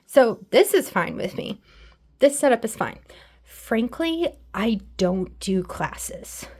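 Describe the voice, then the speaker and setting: A woman's voice: fairly high pitch, big pitch swings, takes it slowly, a little mellow. A woman giving a chatty, candid product review while sitting on an exercise bike at home, a little out of breath. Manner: chatty, candid, self-deprecating. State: slightly out of breath from pedaling. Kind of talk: casual product review vlog.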